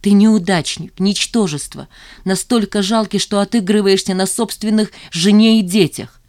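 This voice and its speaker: A woman's voice: medium pitch, moderate pace, natural voice. Woman voicing a scornful, furious young woman. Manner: scornful, taunting, shouting.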